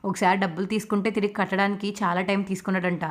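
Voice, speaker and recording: A woman's voice: medium pitch, level tone, racing, lightly acted. A woman voicing a blunt, sly young husband in a retold TV serial, speaking plainly with light sarcasm.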